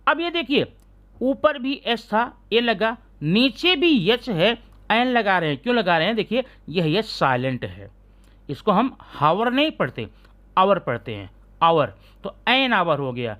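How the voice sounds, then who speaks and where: A man teaching English grammar in a classroom-style lesson, sounding out letters slowly and often asking his students if they follow. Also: high voice, big pitch swings, a bit bright. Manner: keeps asking students rhetorical check questions.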